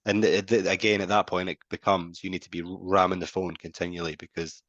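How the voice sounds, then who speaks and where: A man on a podcast, telling stories in a casual, animated way and acting out phone calls. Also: low voice, fairly quick, no echo, muffled recording. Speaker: podcast co-host.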